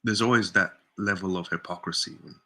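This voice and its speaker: A man giving casual stream commentary on a clip, measured and hedging with frequent fillers. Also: deep voice, fairly even intonation, sharp tone, rough recording.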